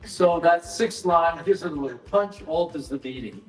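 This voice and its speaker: A man's voice: on the high side, animated. Man explaining in an echoey hall. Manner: measured, explanatory, dry asides. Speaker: author presenting his book. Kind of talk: live explanatory talk to an audience. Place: event hall at a book fair. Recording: roomy hall echo, mic some distance off, faint music.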